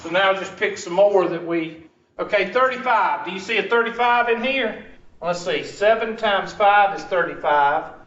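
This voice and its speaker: In an echoey classroom, a man runs a math lesson by solving problems aloud and quizzing students. His high-pitched voice has a fairly bright tone and a moderate pace. The sound is dull and far off, with a slight hiss or hum.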